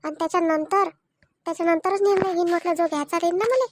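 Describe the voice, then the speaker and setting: A woman's voice: extremely high pitch, steady tone, fast. A woman voicing a tearful, stubborn young wife in a cartoon family drama, speaking with an insistent, complaining manner. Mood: stern.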